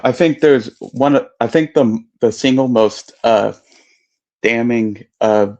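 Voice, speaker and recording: A man calling into a debate stream who speaks in a hesitant, halting way, full of fillers. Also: medium pitch, darkish tone. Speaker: caller. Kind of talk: casual debate chat. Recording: dull lo-fi call audio.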